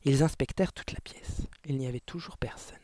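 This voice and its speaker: A man reading a children's novel aloud in an expressive, theatrical storytelling style. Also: mid-range voice, fairly quick, no echo, in a whisper. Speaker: audiobook reader.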